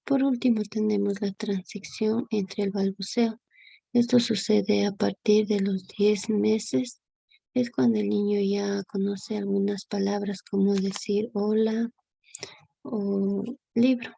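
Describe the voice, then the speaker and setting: Young woman student presenter, slow and hesitant, gravelly and husky, many fillers. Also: medium pitch, steady tone, mellow, dry recording. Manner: halting, many fillers and restarts. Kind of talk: class presentation.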